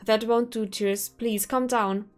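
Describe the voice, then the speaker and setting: A woman's voice: fairly high pitch, fairly even intonation, slow, soft background music. Woman reading as a coldly menacing male professor. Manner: smooth, coaxing, coldly threatening. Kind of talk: visual novel read-aloud.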